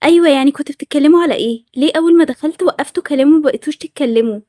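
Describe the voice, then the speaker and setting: A woman's voice: high voice, very fast, warm tone, no room sound, studio quality, natural voice. A woman with an Egyptian accent voicing a touchy, suspicious schoolgirl who keeps accusing people. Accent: Egyptian Arabic. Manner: accusing, indignant. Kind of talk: storytelling over animated game scenes.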